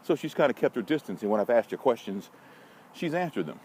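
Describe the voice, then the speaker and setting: A man's voice: medium pitch, sing-song, fast, darkish tone. An American man talking casually and bluntly to listeners while out walking in a park, rambling with wry, folksy asides. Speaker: vlogger and social media marketing consultant. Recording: noisy outdoor walking recording, vehicle sounds. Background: outdoor city ambience, passing vehicles.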